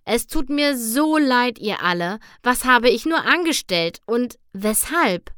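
A woman's voice: mid-range voice, fairly bright tone, clear, resonant tone, no echo, studio quality, lightly acted. Starlight Glimmer, a woman doing a glum unicorn mare. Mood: dejected. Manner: slow, dejected. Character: guilt-ridden young unicorn mare.

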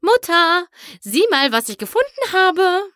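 A woman voicing an excitable, giggly young seapony princess in a storybook. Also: high voice, a little slow, dry recording, clean studio sound, pitched above the performer's own voice, full character voice. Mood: excited. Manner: giggly, bubbly, squealing.

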